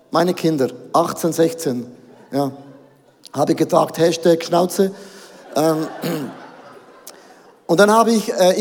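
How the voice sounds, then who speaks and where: A Swiss man in his forties preaches with a Swiss German accent, keeping things jokey and lively and slipping in English phrases. His voice sits high for a man. The big hall gives it a long, trailing reverb. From Switzerland. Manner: joking, lively, mixes in English. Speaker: pastor. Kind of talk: sermon. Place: large hall on stage.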